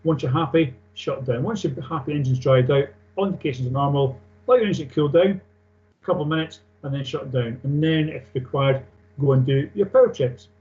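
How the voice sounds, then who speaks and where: A man's voice: on the high side, brisk, a little mellow. A man teaching a technical class, reading out points and explaining them in a matter-of-fact, informal way. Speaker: technical instructor. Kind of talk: classroom lecture on aircraft engine maintenance, reading and explaining. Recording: dull lo-fi sound.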